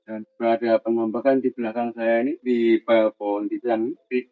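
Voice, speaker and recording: A man, filming himself camping alone outdoors at night, narrating in a tense hush and muttering prayers. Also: mid-range voice, level tone, normal speed, dry recording, narrow, tinny audio. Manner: tense, repeats short urgent calls to listen; muttering prayers under breath. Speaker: solo camping vlogger. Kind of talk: hushed on-the-spot night vlog narration.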